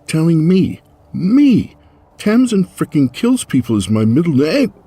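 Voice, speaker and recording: A man's voice: mid-range voice, wildly swooping pitch, slow pace, mellow, slightly rough, pitched above the performer's own voice, heavily acted. A man voicing a feisty, sarcastic young woman translator in an audiobook, raising his voice and exclaiming. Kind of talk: audiobook character voice.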